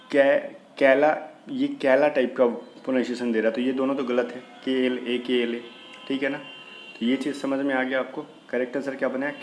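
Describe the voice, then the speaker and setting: A man's voice: medium pitch, darkish tone, rough recording. A man teaching English vocabulary for an exam, explaining in a casual way and spelling words out letter by letter. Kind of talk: exam-prep vocabulary lesson.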